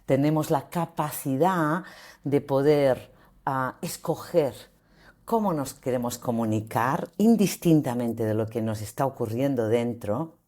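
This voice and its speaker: Very low-voiced woman coach. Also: measured pace. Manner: expressive, acts out example phrases. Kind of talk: interview guest explaining.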